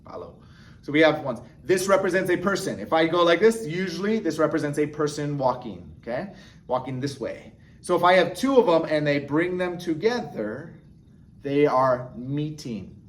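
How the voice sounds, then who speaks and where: Guy teaching a beginner class, kinda high voice, chatty, keeps going "okay? right?". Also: lively intonation, moderate pace. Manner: encouraging, chatty, frequent "okay?" and "right?" checks. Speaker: sign language teacher. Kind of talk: casual instructional explanation.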